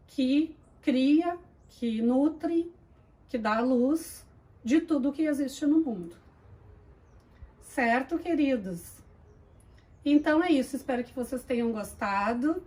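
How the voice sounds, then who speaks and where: A Brazilian woman speaks in a fairly high-pitched voice. She hosts a spiritual channel and teaches informally, in a didactic manner that lays ideas out point by point. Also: mellow, poor audio. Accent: Brazilian Portuguese.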